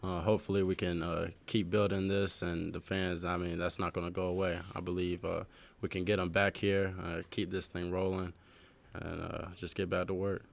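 A young man and college basketball player answering press questions at a desk mic, halting with many fillers and subdued. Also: sits low, flat delivery, vocal fry. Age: young adult. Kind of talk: postgame press conference answers. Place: press room with sponsor backdrop, indoors.

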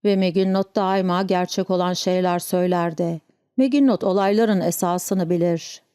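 A woman's voice: fairly low pitch, steady tone, normal speed, warm tone, smooth, dry recording, studio quality, lightly acted. A woman voicing a frightened, superstitious sailor from an island, speaking in an anxious, stammering way. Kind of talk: audiobook character reading.

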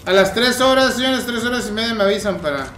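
A man's voice: sits high, expressive, fast talker, fairly bright tone, faint music behind. A man in his thirties with a Mexican accent, doing casual, slangy and profane gameplay commentary. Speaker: game streamer. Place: indoor room. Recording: roomy, faint game noise.

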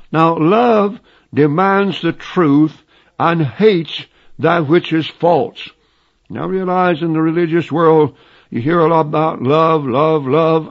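A man preaching a radio sermon, slowly and emphatically, reciting scripture. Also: high-pitched, highs cut off.

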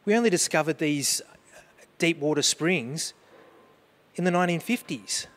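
A man's voice: fairly high pitch, lively intonation, normal speed, a bit bright. A man preaching a sermon as pastor, earnest, mixing questions to the congregation with personal storytelling about grief.

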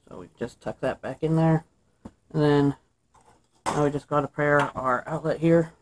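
A young DIY maker with a fairly high-pitched voice casually walks through a wiring job step by step, thinking aloud in a relaxed way as he works. He's at an indoor workshop table, recorded on the camera's mic, and the audio is poor, with a little hiss or hum.

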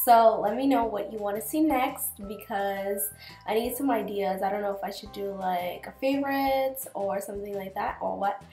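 A dark-toned, mid-range voice belongs to a beauty vlogger in her twenties who has a cold and talks at a moderate pace through a casual makeup tutorial. Close to the camera in her small bedroom, she explains each step chattily with many fillers, over faint music and room echo.

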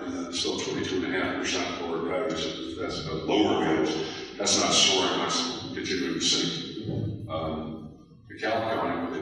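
A man presenting appraisal study results with slides at a public meeting, speaking in a measured, matter-of-fact way with frequent hesitations. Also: low-pitched, fairly bright tone. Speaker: real estate appraiser presenting studies. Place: meeting hall with projector screen. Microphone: room recording from a distance. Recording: echoey hall from far off.

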